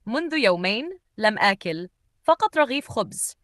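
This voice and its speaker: A woman voicing a wealthy older man disguised as a beggar, speaking calmly and earnestly. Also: sits high, racing, no room sound, clean studio sound, pitched above the performer's own voice, exaggerated voice. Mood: calm, weary.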